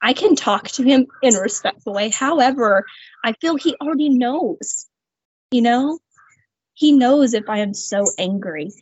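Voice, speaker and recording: A woman guest speaks openly about her faith in a slightly high voice with a breathy edge. Her manner is earnest and reflective, lightened by soft laughs. The recording is dry and a bit dull in tone. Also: animated, unhurried, no echo. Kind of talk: candid personal testimony. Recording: slightly muffled, dry sound.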